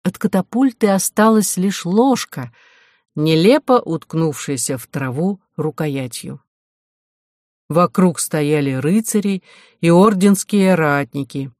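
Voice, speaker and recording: A reader narrating a novel in an even, slow, dry manner. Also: mid-range voice, no room sound. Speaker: audiobook reader. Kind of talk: scripted narration of a historical adventure novel.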